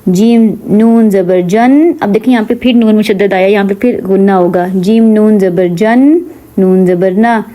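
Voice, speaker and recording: Mellow-voiced woman teaching Quran reading. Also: mid-range voice. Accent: Pakistani Urdu. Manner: patient, repetitive, drawn-out spelling of syllables. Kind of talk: slow syllable-by-syllable lesson with quick explanations.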